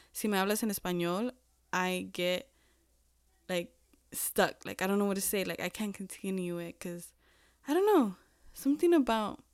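A young woman in her twenties chats on her own podcast, rambling and self-deprecating with lots of "like" and "um". Her voice is smooth and clear. The sound is dry and close, with no room around it. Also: fairly low pitch, no room sound. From United States. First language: Spanish. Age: 20s. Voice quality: chatty and self-deprecating, heavy use of "like" and "um". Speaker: podcast host. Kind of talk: casual solo podcast chat.

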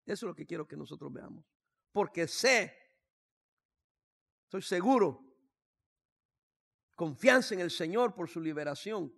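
A sixty-year-old pastor delivers a sermon in a high voice with a gravelly rasp. He tells stories with humor, drops to quiet asides, then rises to shouted declarations. His gravelly voice stays high-pitched even when he speaks softly. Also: unhurried, long pauses. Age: 60s.

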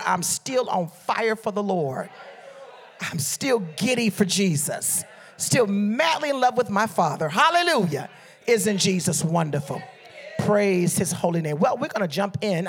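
A middle-aged man from Liberia, preaching a sermon with fervent call-and-response exhortations to the congregation. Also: high-pitched.

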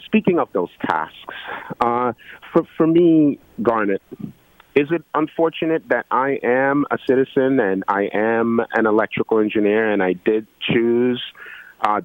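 An earnest man from Guyana calls in to a talk show, speaking in halting bursts full of "uh" and "you know." His voice sits at an ordinary middle pitch. The line is dry and close, with no room sound. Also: no echo, narrow, tinny audio. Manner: earnest, halting with many fillers. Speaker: caller. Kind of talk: call-in radio talk.

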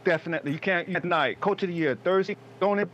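A man's voice: high-pitched, very fast, fairly bright tone, slight background noise. A man calling in to a casual sports chat, rambling with lots of fillers and restarts while his call line breaks up and drops out. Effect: call line breaking up, choppy and dropping out. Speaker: caller. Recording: dull lo-fi call audio.

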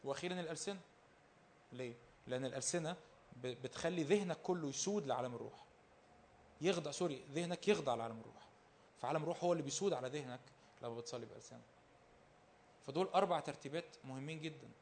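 A male preacher with an Egyptian accent delivers a sermon in a high, bright-toned voice. He talks quickly, hammering phrases again and again. He poses rhetorical questions and swings between raised exhortation and near-hushed asides. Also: creaky, slight background noise. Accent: Egyptian Arabic.

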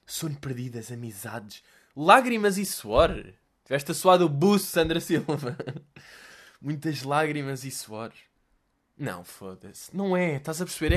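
A young man with a Portuguese accent giving sarcastic commentary, mocking and profane, with laughing asides. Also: a little high. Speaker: vlogger.

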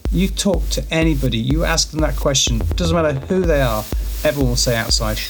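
Fast-talking male music show host. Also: on the high side, poor audio. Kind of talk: casual chat, interviewing.

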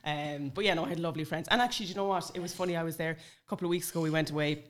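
A woman from the west of Ireland, with the accent to match, talks in a low-pitched voice at a quick clip. She is chatty and informal, reminiscing in a relaxed interview style as a podcast guest. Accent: West of Ireland, Sligo. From Sligo, Ireland. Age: late 30s to around 40. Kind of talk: casual conversational interview, reminiscing.

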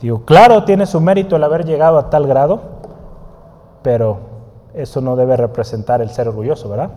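A man's voice: medium pitch, fairly quick, dark tone, long reverb tail. A man teaching a Bible study lesson in a conversational way, often asking his listeners questions and writing on a board. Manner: writes on a board while teaching.

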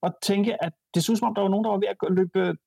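A man's voice: sits high, steady tone, vocal fry, warm tone, breathy edge, no echo. A Danish man talking football on a podcast, hesitant and frank, often repeating words as he thinks. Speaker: podcast panelist. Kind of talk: casual football chat.

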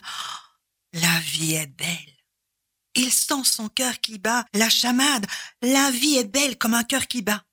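Woman, storyteller, husky voice, unhurried, expressive, dramatic pauses, repeated refrains. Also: fairly high pitch, no echo, clean studio sound. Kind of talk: storytelling performance of a folk tale.

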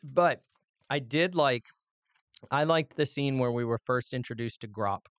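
A man's voice: medium pitch, unhurried, no echo. A man hosting a casual family book discussion, playful and musing as he talks. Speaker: podcast host and father.

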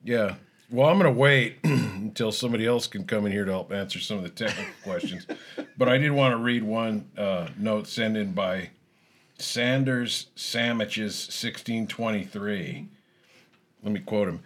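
A man filling in as host of a casual comedic chat show, talking in a dry, deadpan monotone. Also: fairly low pitch, normal speed. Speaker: fill-in host.

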